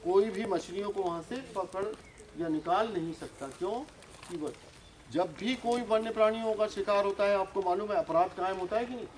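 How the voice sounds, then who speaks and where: A man in his sixties, a retired forest officer, teaching schoolchildren outdoors in a forest, quizzing them and urging quick answers. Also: high voice. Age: 60s. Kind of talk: outdoor nature lesson to schoolchildren. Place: outdoors in a forest with a group of children. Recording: noisy outdoor recording.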